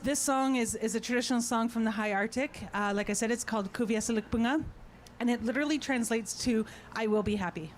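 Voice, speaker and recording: Performing as a throat singer, this woman speaks a little high and quickly, with hardly any pauses. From an outdoor festival stage she playfully chats with the crowd and coaches them casually, and the live outdoor sound carries clear background noise.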